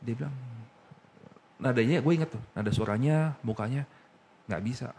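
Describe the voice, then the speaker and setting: A man's voice: mid-range voice, normal speed. Man telling a personal story casually. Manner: mixes English phrases into casual talk, animated when recounting. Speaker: guest telling his story.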